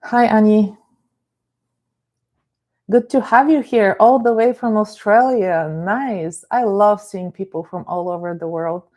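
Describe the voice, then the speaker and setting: A therapist and life coach from Bulgaria, middle-aged, streams a calm talk in which she explains ideas and addresses viewers by name. Her voice is mid-range, and her pace is a little slow.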